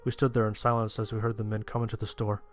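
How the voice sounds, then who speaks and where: This first-person narration comes from a man portraying a sheltered young survivor full of anxiety, told plainly with a tense mood. His fairly low voice is completely flat and fast, near an everyday tone, with music playing behind.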